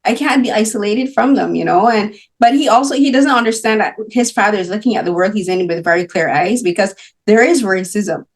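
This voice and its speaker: A woman interviewing filmmakers, talking in a lively way and sometimes acting out what others say. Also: medium pitch, fairly quick. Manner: animated, often acting out the voices of others. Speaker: magazine interviewer. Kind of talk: casual interview talk. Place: film festival interview.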